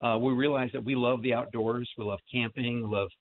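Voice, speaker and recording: A man's voice: mid-range voice, steady tone, a little fast. A man's voice comes over the phone into a radio studio, squeezed into a thin, tinny line. Faint hiss runs under his casual, upbeat talk. He sounds at ease, chatting about his business in an everyday tone. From St. Louis area. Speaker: sponsor calling in.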